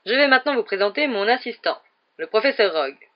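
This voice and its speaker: A reader voicing a flamboyant, boastful male wizard teacher with a loud, theatrical delivery, on a dull lo-fi recording. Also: extremely high pitch, lively intonation, fast, voice pushed up. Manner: showy, loud, theatrical announcing. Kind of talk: audiobook character voice.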